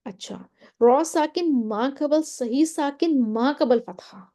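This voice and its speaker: Woman doing a quran tajweed lesson, mellow voice, keeps asking if you got it. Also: high voice. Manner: explains step by step, often checking in with "theek hai?"; draws out Quranic example words slowly. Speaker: Quran recitation teacher.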